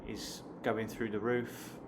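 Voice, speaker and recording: This online English teacher and vlogger, a Hampshire man in his late thirties, speaks slowly in a lowish, flat voice with a southern English accent. He's chatty, talking casually to camera and addressing viewers as "guys." The recording carries clear background noise.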